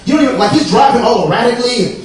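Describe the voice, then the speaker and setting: A man's voice: very high-pitched, lively intonation, rapid-fire, faint music behind. A male stand-up comedian from the American South, telling a profane, rambling set full of fillers. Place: comedy club stage. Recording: very echoey club, mic distant, crowd laughter. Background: audience laughter.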